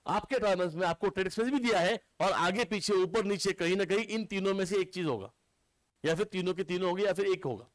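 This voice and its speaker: A man's voice: high-pitched, no room sound. A man teaching accounts to a class, quizzing his students and mixing terms into his speech. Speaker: commerce teacher. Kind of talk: classroom lecture.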